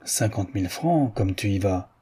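A man's voice: lowish voice, lively intonation, moderate pace, mellow, husky. A man reading the part of a jovial aristocratic Parisian count who banters and tells gossip. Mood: teasing.

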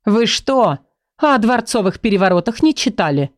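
A woman's voice: mid-range voice, lively intonation, normal speed, a little mellow, no room sound, studio quality, natural voice. A woman voicing a sarcastic, scoffing female chronicle book. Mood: mocking.

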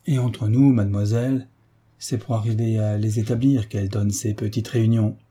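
A man's voice: fairly low pitch, fairly even intonation, moderate pace, dark tone, breathy edge. A man voicing a devoted, fawning governess in an audiobook, fussy and deferential. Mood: flustered. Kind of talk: audiobook character reading.

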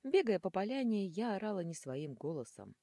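Husky, animated woman narrating an audiobook. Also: medium pitch, moderate pace, no room sound, studio quality. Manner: animated, dramatic, shifting into hissing whispers. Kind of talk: expressive first-person fantasy audiobook narration.

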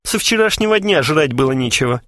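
A man reading an audiobook, voicing a flippant young woman who is down on her luck and talks in a brisk, plainspoken way. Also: on the high side, expressive, a bit bright, dry recording, studio quality, voice pushed up. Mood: pert.

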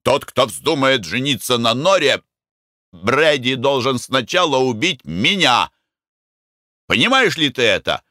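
Male reader as a boastful young hothead, heated declaiming, lively pitch. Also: moderate pace, dry recording, clean studio sound. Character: proud, hot-headed young man, boastful.

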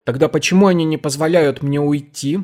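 A man voicing a panicked young woman under arrest who pleads in a shrill, frantic voice. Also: steady tone, brisk, warm tone, lightly acted.

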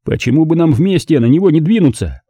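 A man voicing a calm, composed man who talks evenly and unhurriedly, in an audiobook. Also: a little high, brisk, breathy edge, dry recording, pitched above the performer's own voice, heavily acted. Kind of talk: audiobook character voice.

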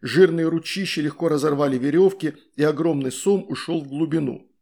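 A man reading a story aloud, narrating in a lively way between voiced figures. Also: fairly high pitch, brisk, vocal fry. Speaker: reader.

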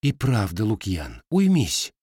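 A man's voice: lowish voice, huge pitch swings, measured pace, darkish tone, husky, no room sound, studio quality, exaggerated voice. A man voicing a weary cossack woman who pleads with her husband. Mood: pleading.

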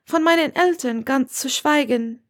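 A woman voicing a bold, defiant young witch, with a high, bright, teasing delivery. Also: unhurried.

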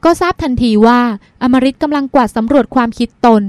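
A woman narrates a novel as an audiobook, reading steadily and expressively. Her voice sits high. The recording is close and dry. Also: brisk, darkish tone, no echo. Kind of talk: scripted narration.

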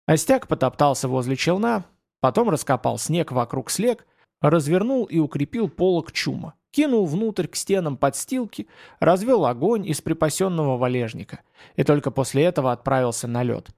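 A man reads a novel aloud as a narrator, with a fairly high voice and a gravelly, fry-laced grain. His delivery stays steady and descriptive. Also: moderate pace. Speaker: audiobook narrator. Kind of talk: storybook narration.

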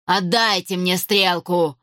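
A woman voicing a gloating undead old woman villain in an audiobook, with slow, hissing speech. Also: lowish voice, steady tone, sharp tone, dry recording, clean studio sound. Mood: gloating triumph. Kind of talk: audiobook character voice.

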